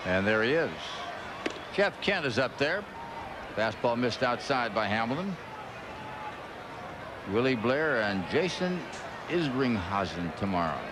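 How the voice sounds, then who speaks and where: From a ballpark broadcast booth, an American man calls radio play-by-play in a folksy, conversational style with clipped calls. His medium-pitched voice swings widely in pitch, runs a little slow, and leaves long pauses. The noisy broadcast sits over a loud crowd and stadium ambience.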